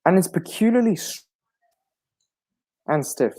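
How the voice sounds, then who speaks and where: A man playing a genial older gentleman doctor in a 1940s-style radio drama, speaking in a hospitable, old-fashioned storytelling manner. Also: high-pitched, lively intonation, a little slow. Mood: puzzled.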